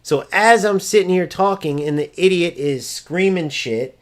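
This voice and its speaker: A man's voice: high voice, unhurried. A man ranting over gameplay footage, exasperated, profane and mocking as he vents about an opponent. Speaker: gaming streamer.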